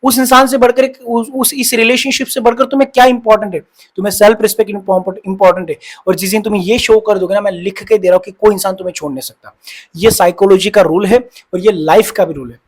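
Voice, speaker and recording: A man giving relationship advice to camera in a blunt, scolding manner, repeating his points. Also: sits high. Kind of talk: direct-to-camera advice talk.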